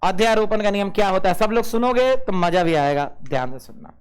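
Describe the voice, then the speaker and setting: High-voiced physics teacher. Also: male voice, brisk, clean tone. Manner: keeps asking the class "yes or no?" and calling students "babu"; mixes English physics terms into Hindi. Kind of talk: classroom lecture.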